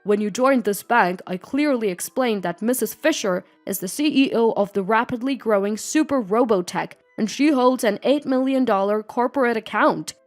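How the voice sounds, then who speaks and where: A woman's voice: a little high, normal speed, hardly any pauses, faint music behind, lightly acted. A woman voicing a stern male bank manager who speaks firmly to a rude employee. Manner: firm, trembling then angry.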